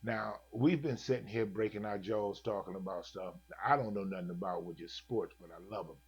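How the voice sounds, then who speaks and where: A man co-hosting a casual chat, folksy and animated, cracking jokes as he talks. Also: fairly low pitch, moderate pace, husky. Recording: dull lo-fi sound.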